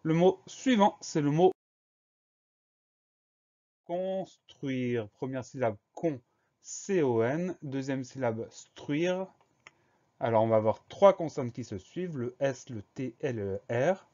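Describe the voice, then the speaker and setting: A man's voice: mid-range voice, lively intonation, slow pace, dark tone, muffled recording. A male teacher giving a spelling dictation lesson, breaking words into syllables and spelling them out letter by letter.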